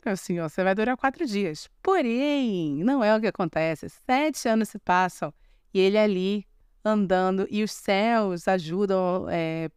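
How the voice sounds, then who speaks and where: A young Brazilian podcast host with a Brazilian Portuguese accent retells a fairy tale loosely and chattily, breaking off for sarcastic asides and restarting sentences. Her smooth, clear, medium-pitched voice has a darkish tone and sounds dry and close on a podcast mic.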